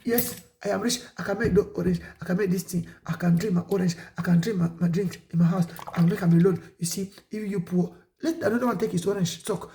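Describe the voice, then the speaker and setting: A man preaching an exhortation sermon, emphatic and repetitive, with sudden high outbursts. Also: a little fast, few pauses, dark tone, roomy sound, slight background noise.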